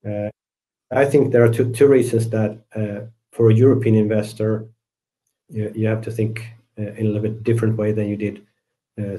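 In interview answers, a middle-aged Swedish guest fund manager discusses the markets in a low, flat, mellow voice. He is measured and often repeats a word while searching for how to continue.

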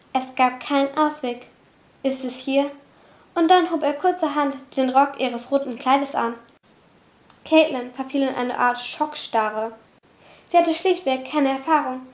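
A woman reading a novel aloud as an audiobook. Her voice sits high, and she tells the story in a steady, expressive way. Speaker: audiobook reader.

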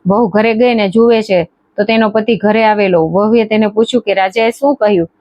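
A woman storyteller reading a devotional folk tale in a measured, steady way. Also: medium pitch, no room sound. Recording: dry, dull lo-fi recording.

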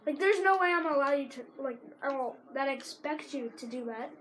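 A teenage girl with a sore throat chats loosely over a video game she's commentating, now and then yelling excitedly at big plays. Her voice is high and quick, and the audio quality is poor.

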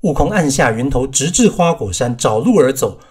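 Man, audiobook narrator, husky voice, measured storytelling, mid pitch. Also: very animated, darkish tone. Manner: measured storytelling, chanting verses slowly. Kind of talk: classical novel audiobook reading.

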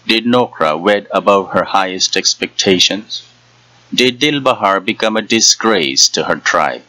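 A man's voice: lowish voice, animated, a little slow, sharp tone, no room sound, pitched above the performer's own voice, rough recording. A man voicing an old woman fortune teller who taunts and jeers in a bitter, cackling way. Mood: accusing. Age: older.

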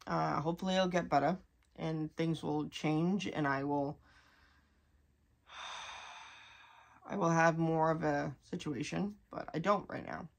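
A young woman talking candidly to her vlog audience, halting and restarting as she holds back tears. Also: deep voice, creaky. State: on the verge of crying. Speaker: vlogger.

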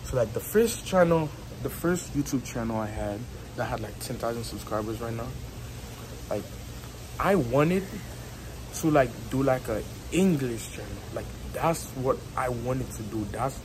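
Expressive and unhurried, this medium-pitched young man speaks with a strong Haitian accent in a casual vlog, holding his phone at arm's length on a patio next to his house. His talk wanders and repeats, full of fillers and laughter, over background noise from the phone.

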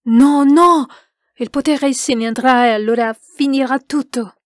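A woman reading an audiobook aloud, voicing a terrified Frenchman who shouts and pleads frantically. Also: high-pitched, fairly even intonation, a little slow, no room sound, clean studio sound. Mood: desperate.

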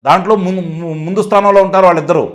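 A man speaks as a political guest in an interview. His voice sits high and the words come quickly. He argues forcefully and keeps asking rhetorical questions. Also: fairly even intonation.

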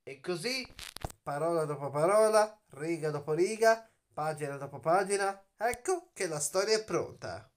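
Fairly high in pitch with lively intonation, a young channel host plays the dramatic storyteller in a children's explainer, stretching words and asking questions. He records from a bed in a small bedroom using a phone at arm's length.

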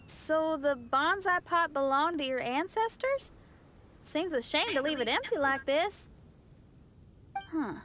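A bright, curious young traveler. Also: female voice, high-pitched, animated, slow pace, pauses often, slight background noise, heavily acted. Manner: curious, gentle questioning. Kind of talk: video game dialogue.

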